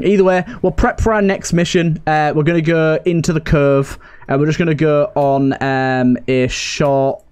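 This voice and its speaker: Over game music, the host of a video game roleplay series talks in a fairly high, darkish voice. He rambles through casual commentary and storytelling, thinking aloud as he plays.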